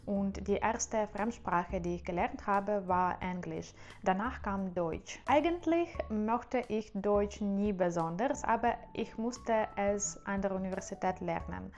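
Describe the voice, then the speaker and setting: A young woman vlogs casually, speaking carefully and a little hesitantly with fillers, and with an accent from her native Russian and Ukrainian. Her mid-range voice is unhurried and a bit mellow, with the highs cut off.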